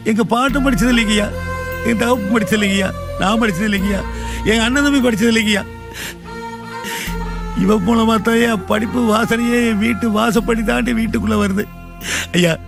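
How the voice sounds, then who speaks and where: A man's voice: extremely high pitch, gravelly. An actor playing an aging village patriarch in a film drama, earnest and pleading as he speaks for his family. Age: older. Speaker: family elder.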